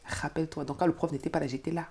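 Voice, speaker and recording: Deep-voiced woman telling her story. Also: rapid-fire. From Cameroon. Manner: animated storyteller who acts out quotes. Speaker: guest. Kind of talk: personal storytelling.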